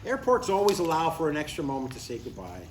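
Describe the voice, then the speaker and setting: In a live table read of a comedy script, an older man plays an eager, stubborn retired father, chatting earnestly with a bit of needling. His voice sits on the high side, swoops wildly in pitch, and moves quickly. The live room sounds echoey and distant, with background noise.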